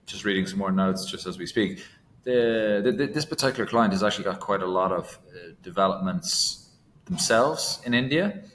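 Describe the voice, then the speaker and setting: A man's voice: on the low side, lively intonation, normal speed, fairly bright tone, slight background noise. A man co-hosting a casual industry podcast, talking in a hesitant way with lots of restarts. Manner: hesitant, many fillers and restarts. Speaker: podcast co-host, analyst.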